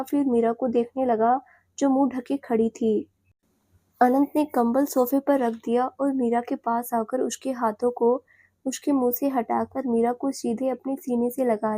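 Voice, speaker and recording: A woman narrating a romantic audio story, reading all the parts herself in one steady voice. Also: a little high, no echo.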